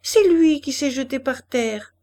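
Prim indignant little girl, read by a woman, defensive, high and lively. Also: unhurried. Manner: defensive, tattling.

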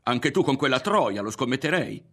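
A man's voice: medium pitch, lively intonation, fairly quick, creaky, a bit bright, breathy edge, full character voice. A man reading aloud, voicing a furious middle-aged mother who screams insults at her son breathlessly. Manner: shrieking, insulting, breathless with rage.

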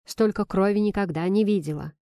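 A woman's voice: mid-range voice, fairly quick, dark tone, dry recording, clean studio sound, lightly acted. A woman reading an audiobook, voicing a blunt, teasing young female friend who talks sardonically and earnestly. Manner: sardonic, pointed, then earnest.

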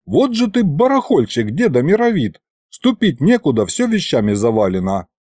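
A man's voice: a little high, wildly swooping pitch, normal speed, mellow, no echo, voice pushed up. A man voicing the wry, teasing young hero of the story.

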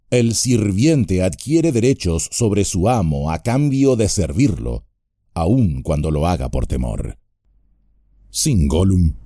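Expressive male audiobook narrator. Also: fairly low pitch, dry recording, studio quality. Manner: expressive, dramatic reading.

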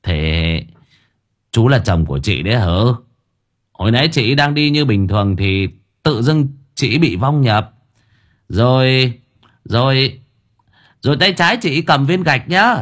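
A man's voice: mid-range voice, big pitch swings, takes it slowly, hardly any pauses, breathy edge, heavily acted. A man voicing a middle-aged male thug who stammers frantically. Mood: boastful.

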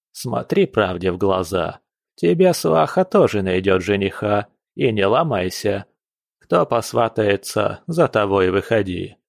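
A man's voice: on the low side, gravelly, no echo, studio quality. A man voicing a stern, commanding aristocratic father at the head of his family.

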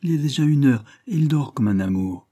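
A man's voice: medium pitch, lively intonation, brisk, mellow, voice pushed up, close to an everyday voice. A man voicing a sly, lying old peasant widow who whines and pleads. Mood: whining pleading.

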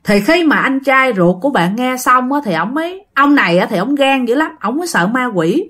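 A woman with a Southern Vietnamese accent tells a ghost story in a relaxed, conversational way, often turning to speak directly to her listeners. Her voice sits a little high and swoops up and down with lively, animated pitch as she narrates. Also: fairly quick. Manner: chatty, addresses listeners directly.

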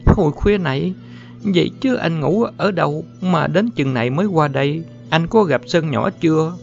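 A man's voice: expressive, moderate pace, vocal fry, darkish tone. A man voicing a young woman in an audiobook who teases and scolds affectionately. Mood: startled. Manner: high, coaxing and scolding. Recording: muffled with faint music.

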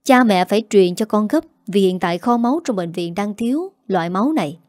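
Woman reading as a brisk male doctor. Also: mid-range voice, animated, darkish tone, no echo, clean studio sound, natural voice. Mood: urgent. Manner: matter-of-fact.

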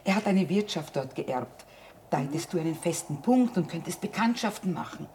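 Low-voiced, tough, stubborn trader mother. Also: expressive, moderate pace, dark tone, a little hiss or hum. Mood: firm, weary. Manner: blunt, earthy, commanding. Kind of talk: stage-like radio drama acting.

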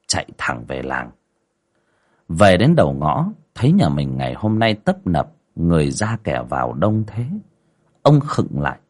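A man's voice: sits low, slightly rough. A man hosting a livestream, reading a village ghost story aloud with dramatic storytelling. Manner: dramatic storytelling with lively rises and falls.

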